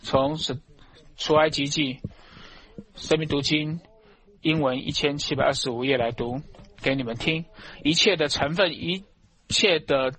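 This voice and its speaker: A man preaching a fervent sermon to a congregation, emphatic, and at times rising into loud shouts of praise. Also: fairly high pitch, unhurried, pauses often, slightly rough.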